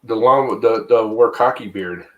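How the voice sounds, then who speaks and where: A man's voice: on the low side, moderate pace, a bit bright, highs cut off. A man in his fifties in a casual group chat, blunt and ranting, swearing casually. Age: 50s.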